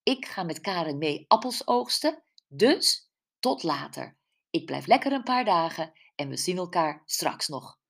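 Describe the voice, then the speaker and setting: A woman's voice: fairly low pitch, sing-song, measured pace, vocal fry, heavily acted. A woman voicing a cheerful, teasing young woman detective in an audiobook. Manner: playful, teasing.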